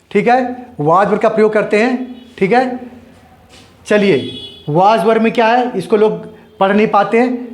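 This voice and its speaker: High-voiced man teaching grammar in an echoey room. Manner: repetitive, explains step by step, asks and answers his own questions. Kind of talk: classroom grammar lesson.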